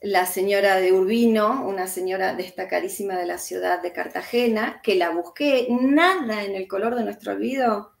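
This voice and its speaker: A woman's voice: mid-range voice, moderate pace, vocal fry, hardly any pauses, reverberant. A woman from Argentina, an author and historian, speaking with an Argentine accent in a reflective interview, thinking aloud with frequent hesitations. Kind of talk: interview conversation.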